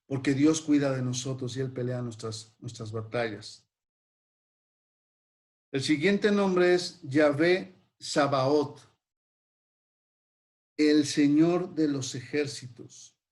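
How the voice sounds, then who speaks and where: Slow, deliberate male preacher. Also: fairly high pitch, a little mellow. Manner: slow and deliberate, lingering over names. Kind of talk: sermon with prayer.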